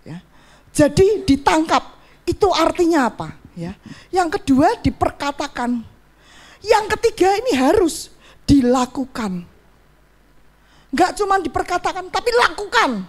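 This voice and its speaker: A woman with a high voice preaches to a congregation and tells her own testimony. She moves between strong, emphatic bursts and soft, low, confiding passages. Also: measured pace, pauses often. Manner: animated preaching with sudden emphatic rises, then quiet, low testimony. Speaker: church speaker giving testimony. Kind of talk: sermon with personal testimony.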